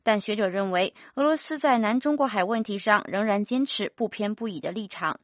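A woman anchor reading a news bulletin in a crisp, formal manner. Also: mid-range voice, brisk, no room sound.

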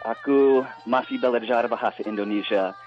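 An American man, a native English speaker, talking casually and haltingly in a phone interview. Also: medium pitch. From United States. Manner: halting, searching for words. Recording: muffled dry phone interview line.

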